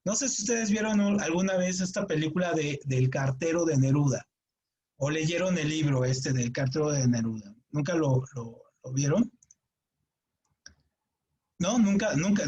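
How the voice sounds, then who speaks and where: A man's voice: fairly high pitch, expressive, unhurried, darkish tone, muffled recording, slight background noise. A man teaching a creative writing workshop, explaining in a chatty, digressive way and often checking with his students. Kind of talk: classroom lecture with anecdotes.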